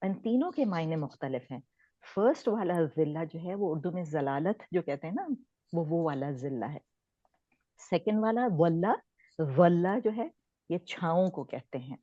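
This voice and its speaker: A woman's voice: low voice, animated, no echo. A woman from Pakistan giving an informal online recitation lesson, explaining conversationally and mixing English words in. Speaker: Quran recitation teacher. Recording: dull lo-fi sound.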